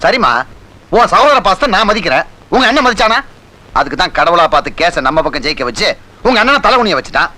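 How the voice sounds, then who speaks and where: A man's voice: sits high, big pitch swings, fast, sharp tone, heavily acted. A young man playing a son arguing heatedly and scornfully in a film family feud. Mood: angry. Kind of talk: Tamil film dialogue.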